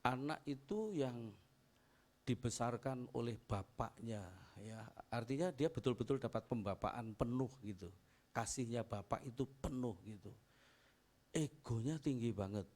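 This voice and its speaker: A man's voice: medium pitch, expressive, measured pace, a little mellow. A middle-aged man preaching a chatty, anecdotal sermon as pastor, repeating phrases and calling for amens. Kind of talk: conversational sermon.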